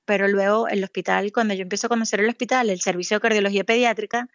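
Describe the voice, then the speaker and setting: A woman's voice: mid-range voice, fairly even intonation, no room sound. Woman, dry, muffled line. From Venezuela. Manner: thoughtful, many fillers and restarts, slows to stress points. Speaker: pediatric cardiologist guest. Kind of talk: interview, recounting experiences.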